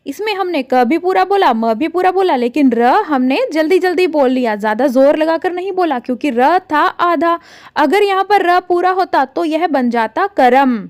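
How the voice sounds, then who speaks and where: A woman teaching Hindi spelling to children, explaining slowly and patiently and addressing them directly. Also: high voice. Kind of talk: classroom lesson for children.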